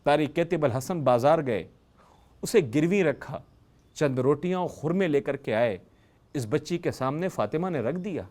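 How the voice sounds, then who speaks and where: A man's voice: a little high, expressive, a little mellow. A man giving an emotional religious sermon, telling a story with dramatic rises on key phrases. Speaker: religious speaker.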